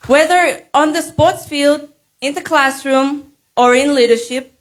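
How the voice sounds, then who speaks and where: A young woman from Nauru, giving a prepared formal speech as a pageant contestant in an earnest, measured way. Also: sits high. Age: young adult.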